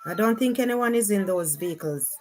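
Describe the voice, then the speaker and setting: As a streamer giving off-the-cuff live commentary, a Jamaican-accented woman speaks in a slightly mellow mid-range voice with lively intonation. Her pace is relaxed, and she keeps repeating her exclamations.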